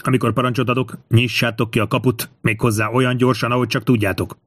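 A man's voice: medium pitch, flat delivery, a bit bright, dry recording, close to an everyday voice. A man voicing a young Roman centurion who gives urgent orders in an audiobook.

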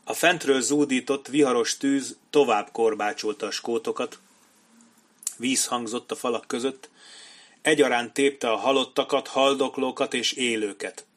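A man reading a war novel aloud as an audiobook narrator, in a dramatic, measured way. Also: mid-range voice, fairly even intonation, fairly bright tone. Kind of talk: scripted narration.

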